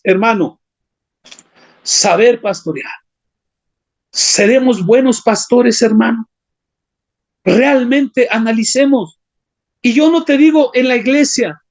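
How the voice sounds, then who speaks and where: A man preaching an impassioned sermon as a pastor, often calling his listeners brothers. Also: extremely high pitch. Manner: impassioned, keeps addressing the congregation as brothers.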